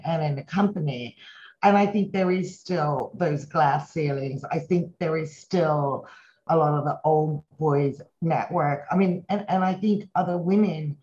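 A Hong Kong businesswoman in her fifties, a company CEO, gives conversational interview answers in a low, darkish voice. She is earnest and reflective, speaking in long run-on thoughts, and the recording sounds slightly dull.

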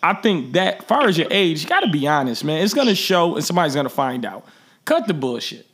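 A man's voice: fairly high pitch, big pitch swings, a little fast, a bit bright, husky. A man co-hosting a podcast, chatting loosely and joking in slangy banter. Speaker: podcast host. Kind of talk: casual chat.

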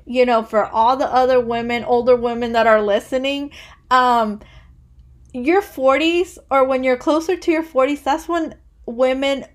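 A woman in her early thirties hosts a relaxed podcast conversation. Her voice sits quite high, and she rambles, restarts and leans on "like" constantly. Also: unhurried. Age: 30s. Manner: chatty, rambling, says "like" constantly. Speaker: podcast host. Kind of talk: casual interview chat.

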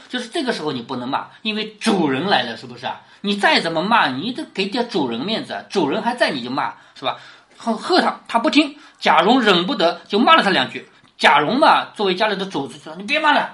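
A woman's voice: mid-range voice, fairly bright tone. A woman lecturing on a classic novel, retelling and explaining it in plain conversational words and often asking rhetorical tag questions. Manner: constantly asks rhetorical tag questions, drops her voice on them.

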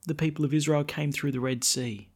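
A man's voice: on the high side, fairly even intonation, brisk, a little mellow. A man speaking as a priest at Mass, in the style of Gospel reading and homily.

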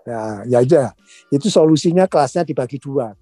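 An older man in his sixties, hosts a relaxed chat and tells stories with animated acted-out quotes and frequent laughter. His voice is warm and mellow, recorded dry and close with faint music beneath. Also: mid-range voice, normal speed, slightly rough, no room sound. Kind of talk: casual storytelling chat.

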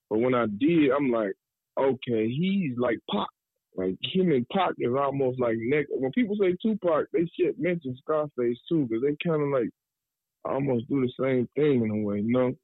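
A man's voice: medium pitch, animated, normal speed, breathy edge, no room sound. A man reminiscing casually in slangy, profane talk, often repeating his phrases. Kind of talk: casual chat, reminiscing about music. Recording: thin phone-like band, dry.

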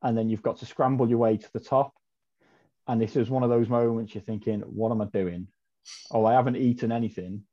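Chatty man, dark mellow voice. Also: medium pitch, fairly even intonation, a little fast. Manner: chatty, rambling, with frequent ums and self-corrections. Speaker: podcast guest. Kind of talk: casual storytelling chat. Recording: dull lo-fi audio.

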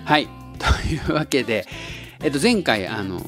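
A man's voice: mid-range voice, very animated, moderate pace, over music. A man from Tottori hosting a casual solo podcast, musing in an easygoing way and chuckling often. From Tottori, Japan. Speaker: podcast host.

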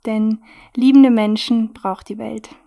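A woman hosting a podcast, introducing a guest softly and hesitantly, with fillers. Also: a little high, fairly even intonation, slow, vocal fry. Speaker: podcast host.

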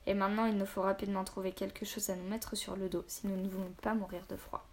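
A burly village blacksmith, as a woman reads him, protective of his son and speaking in urgent, low tones. An audiobook figure, worn out and careful. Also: level tone, fast talker, a little mellow, natural voice. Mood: hushed. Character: burly male village blacksmith, father, anxious.

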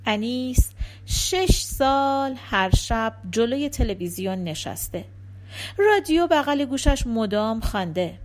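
A woman narrating an audiobook story with expressive, lively storytelling. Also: fairly high pitch.

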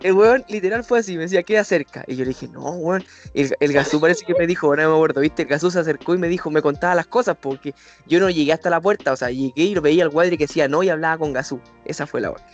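A young man with a Chilean accent, telling a personal story in a slangy, animated way and putting on the voices of the people in it. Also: a little high, very fast, muffled recording, faint music behind. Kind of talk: casual storytelling.

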